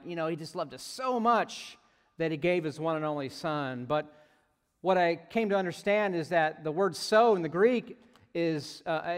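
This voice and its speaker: Man, pastor, sermon, slightly high voice, long church-hall reverb. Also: clear, resonant tone. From United States. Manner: conversational, jokey asides, frequent "right?".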